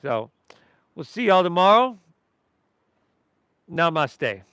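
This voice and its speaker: A man's voice: on the high side, very animated, takes it slowly, pushed and bright, clear, resonant tone, dry recording. A man teaching a guided yoga class, giving breath and movement cues in an encouraging, easygoing, informal way. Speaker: yoga instructor.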